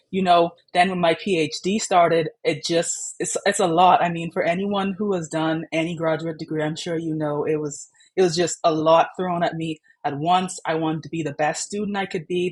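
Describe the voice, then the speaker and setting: A young Bahamian woman candidly shares her own story as a patient, talking in a chatty way full of "like" and "you know." Her voice is low and husky.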